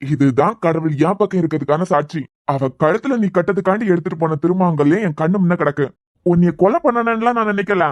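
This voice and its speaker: A man voicing a scheming young male villain in a cartoon web series, speaking in a sly, low gloating murmur with a Kanyakumari Tamil accent. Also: quick pace, dry recording, close to an everyday voice. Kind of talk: cartoon voice acting.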